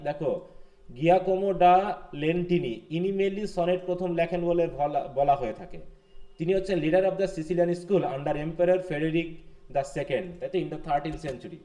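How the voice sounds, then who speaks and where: A man's voice: high-pitched, measured pace, warm tone. A man from Bangladesh teaching a live online class, questioning students and mixing English terms into his lecture.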